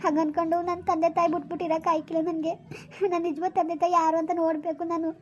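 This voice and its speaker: A woman's voice: extremely high pitch, level tone, quick pace, dull audio, slight background noise. A woman playing a young village girl who begs to be taken home, in a family drama skit. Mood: pleading. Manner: begging, tearful pleading.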